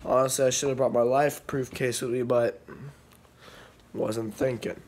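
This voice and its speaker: A young man chatting casually to his vlog audience while feeling unwell, rambling with lots of fillers and clearing his throat. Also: medium pitch, level tone, moderate pace, a little mellow, slight background noise. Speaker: vlogger. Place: outdoors in heavy rain, then indoors.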